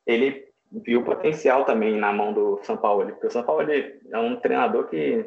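A man talks as a guest, explaining casually. His voice is creaky, with plenty of fry, and the recording is roomy and dull. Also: mid-range voice, normal speed, a little hiss or hum. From São João del Rei, Minas Gerais, Brazil. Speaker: podcast guest, fan page editor.

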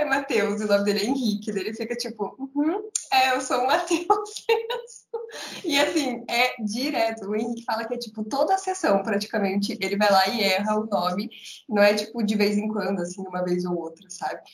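Frank woman psychologist, echoey room. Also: medium pitch. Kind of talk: casual chat.

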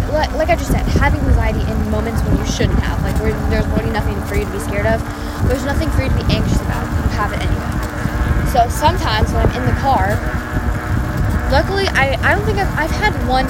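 A teenage girl vlogging outdoors in a busy public place, chatting in a rambling, self-interrupting way. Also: fairly high pitch. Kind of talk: casual chat. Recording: loud outdoor traffic noise. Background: vehicle and outdoor noise.

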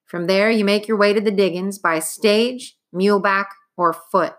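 Matter-of-fact male hotel clerk, woman doing it, brisk and bright. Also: medium pitch, pitched above the performer's own voice, close to an everyday voice.

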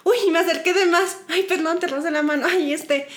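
A young Mexican woman telling a dating story in a casual podcast chat, animated and giggly, acting out her own lines. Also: very high-pitched, a little fast. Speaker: podcast co-host.

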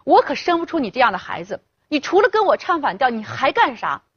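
A woman voicing a drunk, furious middle-aged father who shouts and scolds. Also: high voice, very animated, fast talker. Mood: raging. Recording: dull lo-fi, dry.

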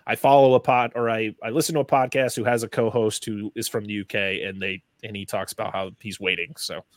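A man's voice: fairly low pitch, steady tone, brisk, dry recording. Eager man talking films, dry sound. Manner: enthusiastic, rambling with restarts. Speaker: podcast guest. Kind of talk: casual film discussion.

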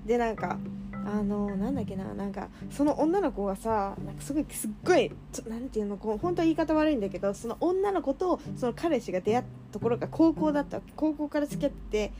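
A woman with a fairly high voice tells a story in casual chat, her pitch leaping up and down. She acts out what others said and laughs often. Music plays behind her. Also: quick pace. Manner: animated, acts out quoted lines, laughs often. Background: background music.

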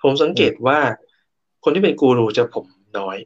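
A man's voice: on the high side, very animated, moderate pace, dull audio. Thai man explaining at an easy pace. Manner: explanatory, tells workplace anecdotes with repeated restarts. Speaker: co-host and speaker. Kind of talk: casual talk on workplace motivation.

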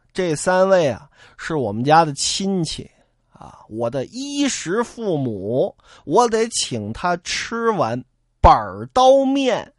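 A man's voice: on the high side, dry recording, studio quality, full character voice. Sly ruffian boatman, taunting and greedy; a man performs him in a storytelling piece. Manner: sneering, taunting.

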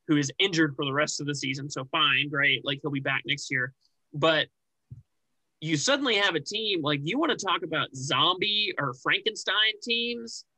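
A young man co-hosting a casual sports podcast, rambling and animated with many restarts and fillers. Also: on the high side, dry recording, low-quality recording. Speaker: podcast co-host.

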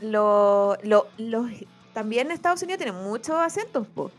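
Young Chilean co-host, high and chatty, slang-heavy, light music underneath. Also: female voice, lively intonation, unhurried. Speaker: podcast co-host. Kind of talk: casual chat.

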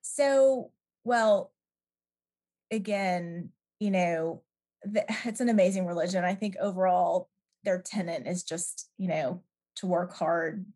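A woman's voice: fairly low pitch, slow, mellow. A middle-aged woman from Canada answering questions in a podcast interview, thoughtful and hesitant with many fillers. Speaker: guest.

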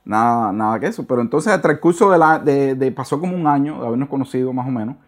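A man in his thirties, a guest in a casual interview, telling his story with animated restarts and repetitions, now and then slipping in English words. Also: mid-range voice, fast talker.

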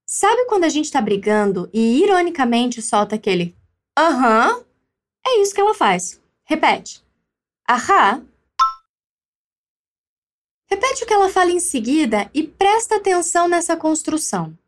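Lively, high-voiced woman teaching Spanish. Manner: lively, encouraging, models phrases slowly for repetition. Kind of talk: language lesson with drills.

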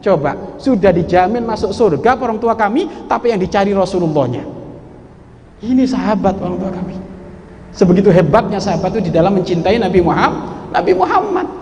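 High-voiced man preaching in a reverberant hall. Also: brisk, slight background noise. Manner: animated, acts out dialogue with swings in pitch. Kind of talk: storytelling sermon. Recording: reverberant hall with faint ambience.

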